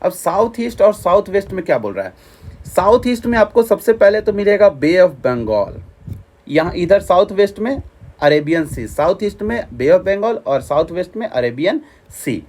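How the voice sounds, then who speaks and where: Male teacher, quiz-style delivery, a touch high-pitched, drills points by repetition. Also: very animated, normal speed, a little mellow. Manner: repetitive, quizzing, asks and answers himself; mixes English terms into explanations. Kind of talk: classroom lecture.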